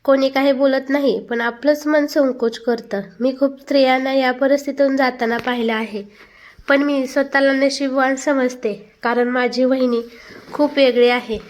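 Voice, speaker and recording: A woman's voice: high-pitched, moderate pace. A woman narrating a family story, reading every character's lines herself. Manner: reads all characters' dialogue in one steady narrating voice.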